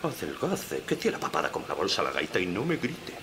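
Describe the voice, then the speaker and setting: Un actor de doblaje que interpreta a un comandante militar severo que da órdenes, en un doblaje de película. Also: male voice, sits low, huge pitch swings, fast talker, very noisy, heavily acted. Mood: stern. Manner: barking orders, stern. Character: stern, gruff military commander man. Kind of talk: film dub.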